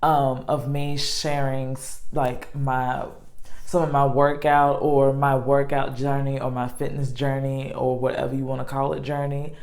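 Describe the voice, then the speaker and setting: Low-voiced woman vlogging casually. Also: level tone, measured pace, a little mellow. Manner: rambling, filler-heavy, self-interrupting. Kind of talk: casual chat to camera.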